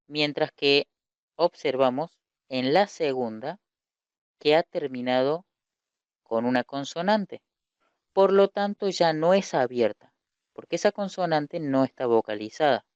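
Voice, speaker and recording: A man's voice: a little high, clean tone, dry recording, muffled recording. A male teacher giving a recorded lesson, patiently explaining step by step and asking questions that he then answers himself.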